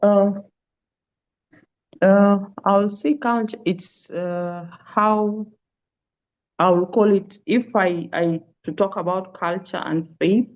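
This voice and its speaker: A woman from South Sudan, a pastoral care and trauma healing worker, answers interview questions on a webinar in a slow, steady, medium-pitched voice. She sounds hesitant, searching for words, over dull lo-fi video call audio.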